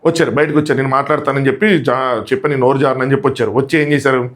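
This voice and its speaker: A man's voice: medium pitch, steady tone, rapid-fire. A man giving a critical, emphatic review of a reality show episode, arguing his points. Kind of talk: fast opinionated episode review.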